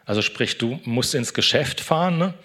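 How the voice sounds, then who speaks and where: A middle-aged man, a pastor, giving a relaxed, chatty devotional talk, often tagging his sentences with a questioning "ne". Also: mid-range voice, moderate pace.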